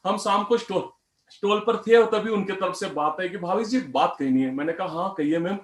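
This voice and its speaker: A man telling a personal story in an animated way, voicing the customers he quotes. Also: sits high, brisk. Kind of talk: storytelling talk. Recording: roomy echo.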